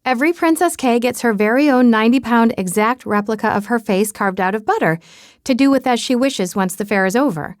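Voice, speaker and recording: A woman's voice: fairly high pitch, dry recording, clean studio sound. A woman narrating a romance audiobook in first person, reading dialogue expressively.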